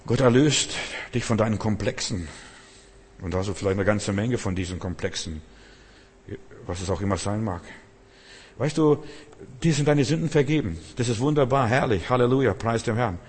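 Husky guy preaching, talks straight at you, long echo like a big hall. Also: on the low side, lively intonation, normal speed. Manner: earnest, exhorting, addresses the listener directly. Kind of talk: sermon.

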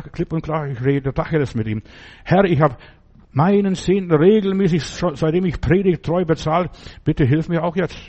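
A man's voice: a little high, darkish tone. A man preaching a sermon in a blunt, insistent way, talking straight to the listener. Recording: dull lo-fi recording.

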